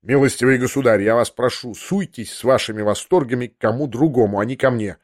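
Curt, severe colonel for an audiobook , a man doing the voice, lower and drier than the narrator. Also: brisk, no room sound, studio quality, lightly acted. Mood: angry. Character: stern, irritable male army colonel, touchy gambler.

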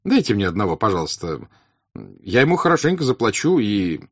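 A man's voice: lowish voice, big pitch swings, fairly quick, dry recording, dull audio. A man voicing an ingratiating young officer who asks favours in a sugary, polite tone. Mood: fawning.

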